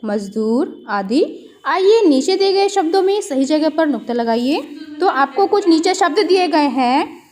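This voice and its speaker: A woman teacher going through a children's worksheet, slowly spelling out words letter by letter and asking simple questions. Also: sits high, darkish tone.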